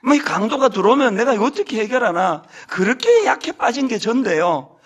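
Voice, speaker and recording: A middle-aged senior pastor preaches a sermon in a church sanctuary, telling self-deprecating stories with humor and joking with the congregation. His voice is very high with big pitch swings, and he speaks at a moderate pace.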